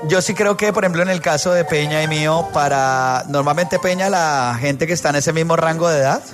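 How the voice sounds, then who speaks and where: A man's voice: on the high side, a little fast, over music. A man in his forties, a radio host teasing his co-hosts in rambling studio banter. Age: 40s.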